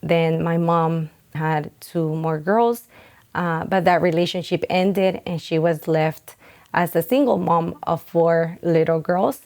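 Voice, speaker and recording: A young Honduran woman who founded a nonprofit speaks in a documentary testimony interview. Her voice sits on the low side, steady, slow, and a little mellow. She sounds earnest and heartfelt, with some hesitations.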